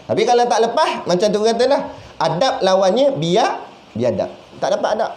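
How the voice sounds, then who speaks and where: A man with a Malaysian Malay accent giving a sermon as a religious teacher. He talks in a lively, conversational way, asking questions and acting out little voices. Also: high-pitched, fairly quick. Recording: echoey room with faint background noise.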